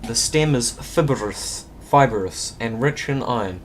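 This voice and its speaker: A little slow and expressive, a man's mid-range voice carries casual gameplay commentary as he mutters and reads the on-screen game text, occasionally tripping over it. There's obvious noise and a hum behind him.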